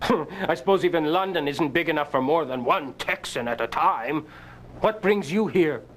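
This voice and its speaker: Haughty, higher-voiced Victorian club gentleman. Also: expressive, moderate pace. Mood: amused, arch. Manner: arch, theatrical. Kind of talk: period horror game drama acting.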